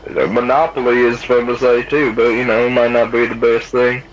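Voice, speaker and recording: A man rambles casually on a game's CB radio, repeating words to stress his point. He talks fairly quickly in a flat, mid-range voice, and the dull radio audio carries crowd noise along with loud truck and road sounds.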